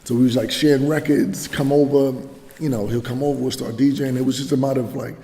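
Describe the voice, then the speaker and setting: A man's voice: medium pitch, fairly even intonation, warm tone, big-room sound. A man from New York, a DJ, talking casually and laughing easily in an interview. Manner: laid-back, repeats words, quick to laugh. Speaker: DJ guest.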